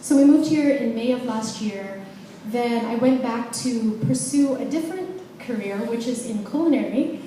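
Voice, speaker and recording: A woman in her forties from the Philippines, speaking a little high at normal speed in a mellow voice, shares her personal testimony as a guest speaker. She's chatty and self-deprecating. The audio from the large church hall is echoey, with a distant mic and a slight hiss or hum.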